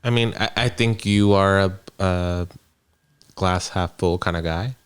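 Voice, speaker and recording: A man's voice: sits low, measured pace, clean tone. A man in casual podcast chat giving blunt opinions.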